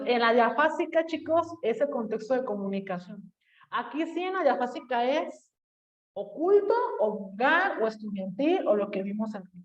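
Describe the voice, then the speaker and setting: Mexican woman teacher, Jalisco accent, higher voice, chatty lecture, distant mic, echoey lo-fi room. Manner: chatty, addresses students directly with tag questions. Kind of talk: classroom lecture.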